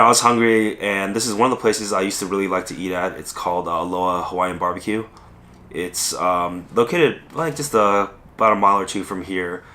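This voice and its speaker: A man from Southern California, hoarse from a lingering illness, chatting casually in a food vlog with many ums and pauses. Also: low-pitched, sharp tone. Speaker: food vlogger. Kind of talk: casual rambling mukbang vlog. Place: restaurant dining room.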